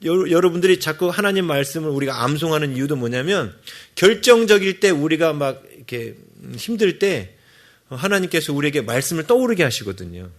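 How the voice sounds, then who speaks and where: A man preaching a sermon as pastor, with an animated delivery that keeps asking the congregation to agree. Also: fairly high pitch, fairly quick. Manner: animated, acts out quoted voices, asks the congregation for agreement.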